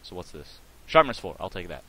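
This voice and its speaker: A man giving casual, rambling gameplay commentary, full of fillers and restarts, with bursts of excitement. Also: low-pitched, brisk, poor audio. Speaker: let's play host.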